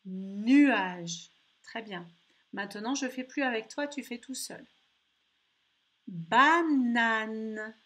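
A woman slowly giving a phonics lesson to children, saying words clearly and repeating them. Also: on the high side, a bit bright. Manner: slow, carefully articulated words with pauses. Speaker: teacher.

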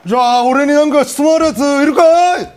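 A man voicing a brash, cheerful male cartoon sea turtle who loudly teases a crowd. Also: very high-pitched, quick pace, noisy background, voice pushed up. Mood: boisterous teasing. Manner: loud surfer-dude swagger, teasing the crowd. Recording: studio audience laughter behind.

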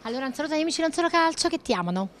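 A woman's voice: sits high, big pitch swings, rapid-fire. A middle-aged woman hosting casual, effusive, chatty interviews into a handheld microphone backstage at a theatre. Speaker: TV interviewer and host.

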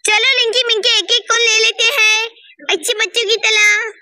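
A woman doing a very high, bossy little girl doll. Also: level tone, normal speed, noisy background. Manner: chatty, exclaiming, quarrelsome. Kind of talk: doll play-acting.

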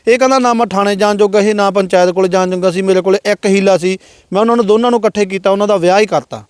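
High-voiced fast Punjabi interviewer man. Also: fairly even intonation, clear, resonant tone, dry recording. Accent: Punjabi, Malwa. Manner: moralizing, frequent "hmm" backchannels. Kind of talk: interview questions and commentary.

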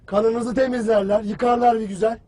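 A man's voice: very high voice, steady tone, normal speed, warm tone, husky. An actor playing a stern army commander who barks harsh, taunting words at his soldiers in a film drama. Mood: grim lecture.

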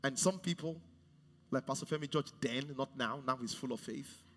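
A man in his forties preaching a sermon on a large church stage, swinging from hushed to loud. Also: mid-range voice, normal speed, long reverb tail. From Nigeria. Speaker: pastor.

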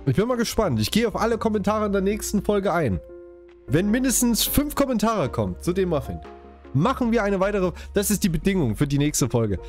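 Gaming YouTuber, man from Saxony, lively pitch, light music behind. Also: brisk. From Saxony, Germany. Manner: chatty, jokey, talks straight to viewers. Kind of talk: casual let's-play commentary.

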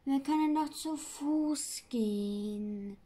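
A woman's voice: sits high, slow, mellow. A woman voicing the Sams, a cheeky childlike creature, in a pert, know-it-all manner while reading aloud.

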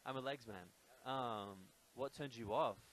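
An Australian man explaining local expressions in a relaxed, hesitant way, with many fillers. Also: mid-range voice, unhurried. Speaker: guest teaching expressions. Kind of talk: casual explanation. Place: hotel room.

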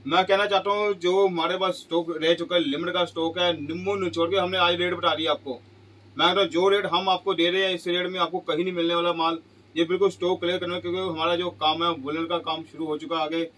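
A middle-aged man pitching goods in a small clothing shop, asking each price aloud and answering it with exclamations. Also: little pitch movement, fast, a bit bright, rough recording. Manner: repeats prices as questions, exclaims "wah ji wah". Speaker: shop seller. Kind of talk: sales pitch.

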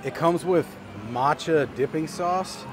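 A man's voice: a little high, slow. A man giving a casual vlog food review, savoring each item with enthusiasm as he rates it. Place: outdoors at a busy theme park. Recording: music and park noise behind. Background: music, outdoor park and vehicle sounds.

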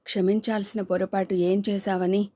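Woman reader playing male writer, devoted husband, idealistic, tender, earnest, flat delivery. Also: mid-range voice, moderate pace, close to an everyday voice.

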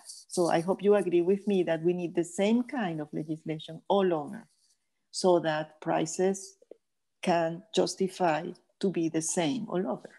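An older woman from Venezuela, a guest geophysicist speaking in a measured, thoughtful way with many pauses over a video call headset. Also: lowish voice, mellow. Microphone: earphone headset on video call.

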